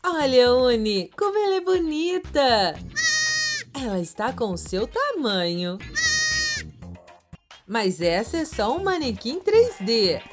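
A Brazilian woman speaks in a high, squeaky, bright sing-song voice that swoops widely. She takes her time, gushing in little diminutives as she hosts a game channel for small children. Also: sing-song, takes it slowly, faint music behind. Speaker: children's gaming channel host. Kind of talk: gameplay commentary for young children.

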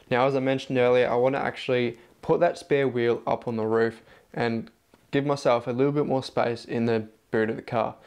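An off-road vlogger chats casually to the camera about the roof rack setup on his car, his medium-pitched voice relaxed and plain-spoken. He starts outdoors in a backyard and then moves into a plain indoor room.

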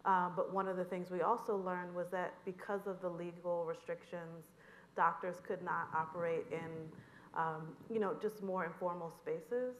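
A woman's voice: on the low side, steady tone, normal speed, slight background noise. A woman curator explaining a project on stage, often filling gaps with "you know". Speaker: curator and moderator. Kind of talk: onstage conversation. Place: auditorium stage. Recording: echoey auditorium.

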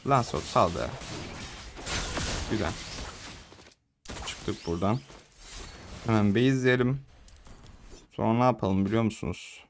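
A man's voice: on the low side, a little slow, long pauses, slight background noise. A young man giving casual, slangy live commentary on his own match, chatting to viewers and teammates. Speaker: gaming streamer.

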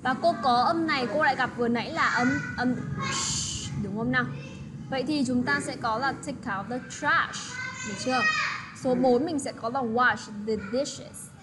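A woman teaching English words to children, repeating phrases slowly and checking in often with tag questions. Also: high-pitched. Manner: patient, slow model pronunciation with tag questions. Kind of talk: English lesson for children, explained in another language. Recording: steady background noise.

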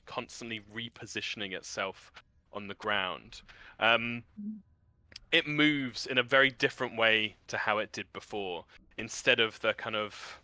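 Male game master, crisp and close-miked, unhurried improvised descriptive narration with searching pauses. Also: medium pitch, sharp tone, no echo. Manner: descriptive, halting as he searches for words.

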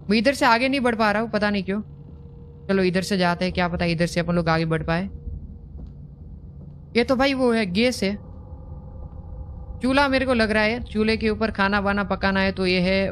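A man's voice: high-pitched, fairly bright tone, a little hiss or hum. A young man giving nervous horror game commentary, jumpy and repeating words when scared. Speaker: gaming host.

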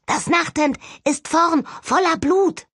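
A woman voicing a nervous, easily frightened teenage girl who speaks high and anxious. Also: takes it slowly, a bit bright, no echo, clean studio sound.

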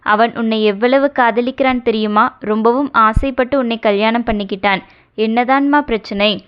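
A woman voicing a caring, older-sister friend who coaxes and gently scolds, read in an audio novel. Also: fairly high pitch, fairly even intonation, moderate pace, smooth, natural voice. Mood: coaxing. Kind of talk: audio novel character reading. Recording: dull lo-fi recording.

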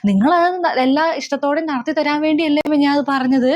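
A woman's voice: high-pitched, quick pace, a little mellow, highs cut off, close to an everyday voice. A woman playing a young adult daughter in a comedy sketch, arguing back insistently. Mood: pleading. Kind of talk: comedy sketch role-play.

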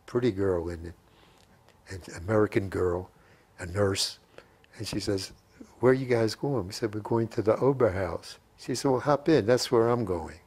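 Old guy in his 80s, gravelly lowish voice, rambling through old stories and quoting who said what. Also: normal speed, a little mellow. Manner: rambling, repeats phrases, quotes remembered dialogue. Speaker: WWII veteran being interviewed. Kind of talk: reminiscing, anecdotal interview storytelling. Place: living room at home. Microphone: lapel mic.

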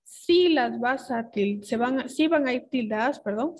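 A young woman teaches a grammar lesson, explaining each step patiently. She keeps checking that her pupils follow. Her voice sits a little on the high side. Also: lively intonation, a little slow, darkish tone, slight background noise, rough recording.

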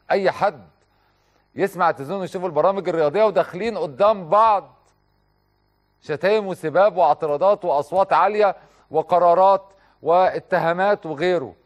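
Fast, fiery Egyptian talk show host. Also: male voice, fairly high pitch. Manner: impassioned, rhetorical questions, direct appeals. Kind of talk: studio editorial monologue.

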